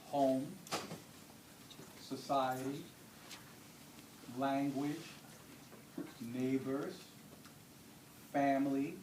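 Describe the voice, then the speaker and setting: A man's voice: on the high side, a little mellow. A man in his forties from the Dominican Republic, a guest speaker talking casually to a group of students, often checking in with "yeah?". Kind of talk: informal talk to students. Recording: echoey room from far off, noisy.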